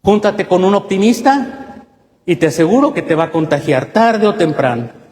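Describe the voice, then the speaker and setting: A man's voice: high-pitched, lively intonation, normal speed, a little mellow. A male pastor with a Mexican accent preaching a sermon, emphatic and full of rhetorical questions, in a church. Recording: echoey church hall.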